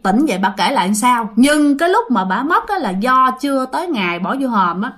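Speaking a little fast with a fairly high, widely swinging pitch and a fairly bright tone, this Southern Vietnamese-accented woman tells ghost stories casually. She chats straight to her audience as host, often repeating phrases.

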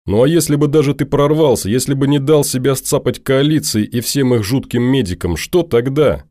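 A man's voice: mid-range voice, moderate pace, dark tone, no echo, clean studio sound, voice pushed up, lightly acted. A man voicing a young woman stalker who pleads and scolds insistently, his voice lifted a few notes above his own. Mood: angry.

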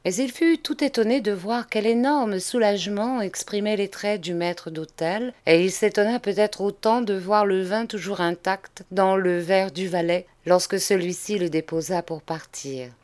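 A woman reading a classic novel aloud in a measured, deliberate audiobook narration. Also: mid-range voice, darkish tone. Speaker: audiobook reader.

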